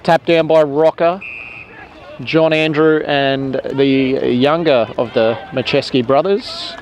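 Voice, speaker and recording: A man calls a suburban football game play by play, naming each player with a few hesitant fillers. His voice sits a little high. Traffic and outdoor noise run clearly behind him. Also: slow pace. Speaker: sports commentator. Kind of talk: local football commentary.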